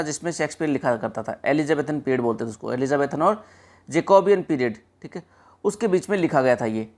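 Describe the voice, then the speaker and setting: A man teaching an exam-prep lesson, explaining step by step, checking in often and mixing English terms into his explanation. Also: fairly high pitch. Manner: explains step by step, often saying "ठीक है" and addressing friends.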